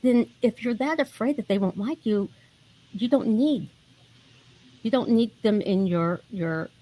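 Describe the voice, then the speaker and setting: A woman's voice: fairly high pitch, unhurried, warm tone, poor audio. A woman around fifty speaking bluntly and emphatically as a panelist in a casual online discussion.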